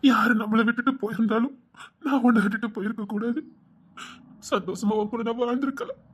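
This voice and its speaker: A man's voice: very high-pitched, brisk, a bit bright. Tv serial dad, sobbing and begging his girl to forgive him. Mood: anguished. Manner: sobbing, pleading, breaking into tearful laughs. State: crying. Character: grieving father pleading with his daughter. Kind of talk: TV serial acting.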